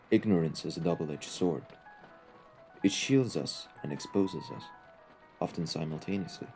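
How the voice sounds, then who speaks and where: For an audio roleplay, a man takes on the role of a very low-voiced, well-mannered mafia gentleman who speaks with measured, formal eloquence. There's a calm menace hidden in his politeness, and faint music can be heard behind him. The mood is cultured and musing.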